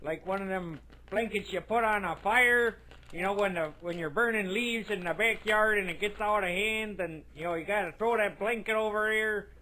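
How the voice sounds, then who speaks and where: A man's voice: high-pitched, moderate pace, bright, forceful tone, slight background noise. A man voicing a long-winded male cartoon coach who leaves a folksy, rambling apology on an answering machine. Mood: sheepish.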